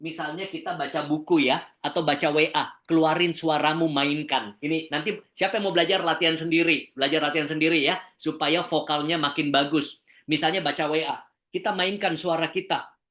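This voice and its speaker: Indonesian male communication coach, lively. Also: a little high, fairly quick, hardly any pauses. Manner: lively, demonstrates intonation with flat and exaggerated examples. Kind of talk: webinar lecture. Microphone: video call.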